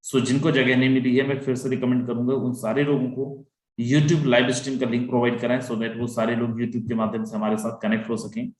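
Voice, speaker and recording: A man's voice: mid-range voice, little pitch movement, fairly quick, roomy sound. A man presenting an online sales webinar over a video call, talking persuasively, repeating "my friend" and mixing in English phrases.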